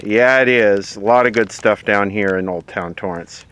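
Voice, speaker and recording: Testing an old CB radio at a table outside, an American man chats casually with a plain, wry manner. His voice is fairly low and he speaks at a moderate pace, with faint noise in the background.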